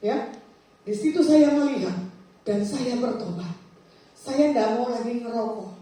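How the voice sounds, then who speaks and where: A woman evangelist, telling her own testimony in a sermon and acting out the dialogue in a lively way. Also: a little high, a little slow. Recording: echoey hall, voice far from mic.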